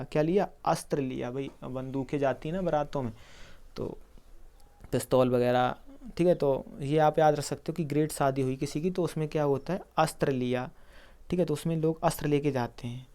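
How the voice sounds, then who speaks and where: A man's voice: fairly high pitch, warm tone, clean tone. A man teaching an exam-prep lesson on video, explaining memory tricks and answering his own quiz questions as he addresses viewers as friends. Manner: asks quiz questions and answers them himself.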